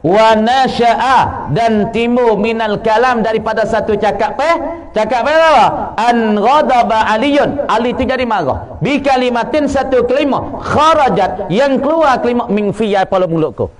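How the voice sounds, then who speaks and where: A man's voice: very high-pitched, measured pace, rough recording. A man from southern Thailand with a Patani Malay accent, preaching a mosque sermon as a religious teacher, telling stories and acting out quoted voices in a teasing way.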